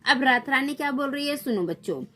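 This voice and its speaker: A woman's voice: high-pitched, animated, a little fast, pushed and bright. A woman teacher explaining a school text to children, acting out each line and then repeating and explaining it.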